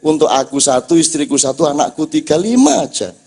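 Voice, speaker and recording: A man's voice: on the high side, big pitch swings, fairly quick, darkish tone, husky, heavily acted. A man voicing a cheeky fisherman who complains and bargains with God for fish. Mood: bargaining. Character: grumbling Madurese fisherman haggling with God.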